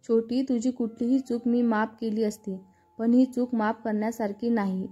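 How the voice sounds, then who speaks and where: A woman's voice: a little high, fairly even intonation, moderate pace, mellow, muffled recording, soft background music, lightly acted. A woman voicing a stern, scolding elder sister. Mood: angry. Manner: scolding, pressing, lecturing.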